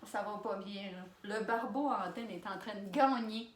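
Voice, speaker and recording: Sitting alone in a room, a young vlogger with a Québécois accent shares a lively anecdote full of laughs and loud exclamations, speaking at a moderate pace in a mid-range female voice. The sound is roomy, picked up by a distant camera mic.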